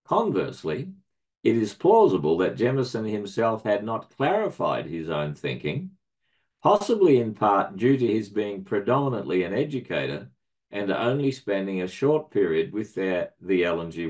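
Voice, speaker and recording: A middle-aged man reading a prepared academic paper aloud in a measured, formal way, marking each citation with quote and end quote. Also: lowish voice, big pitch swings, darkish tone. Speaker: research centre director presenting a paper.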